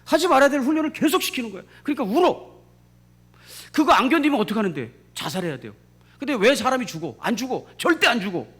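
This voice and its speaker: Male pastor, middle-aged, sermon, emphatic, repeats phrases, rhetorical questions, lively rising and falling pitch. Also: rapid-fire, slightly rough.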